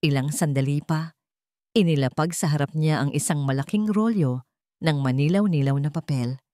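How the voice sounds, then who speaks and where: A woman with a Filipino accent narrates a scripted, dramatic story in a deep, warm voice at a moderate pace. The studio-quality recording has no echo.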